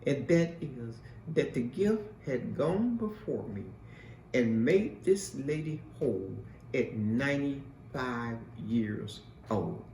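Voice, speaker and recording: A woman's voice: very deep voice, animated, takes it slowly, mellow, slight background noise. A woman host telling an emphatic, repetitive testimony in a preacher-like way. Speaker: host and mentor. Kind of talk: spoken testimony. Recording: echoey room from a distance.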